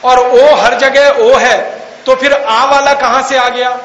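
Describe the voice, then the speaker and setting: A man with a very high, sharp and forceful voice lectures an audience in a mocking, argumentative tone. He fires rhetorical questions and spells words out letter by letter to make his point. The sound rings with the long echo of a large hall, over a faint hiss. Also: fairly even intonation, slow, highs cut off. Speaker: public speaker.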